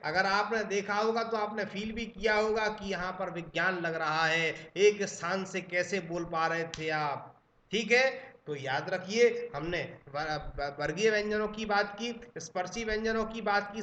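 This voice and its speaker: A man with a very high, bright voice gives a slow, deliberate exam-prep lesson. He calls his students friends and keeps asking them to say sounds back to him. The room around him is roomy and echoing. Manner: addresses students as friends, has them repeat sounds aloud. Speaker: Hindi teacher. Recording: roomy echo.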